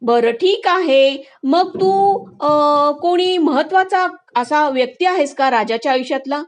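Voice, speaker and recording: Lady reading out bossy palace guards, men grilling a stranger, kinda high voice. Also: lively intonation, a little slow. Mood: questioning. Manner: insistent, questioning. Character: stern male palace gatekeepers questioning a stranger.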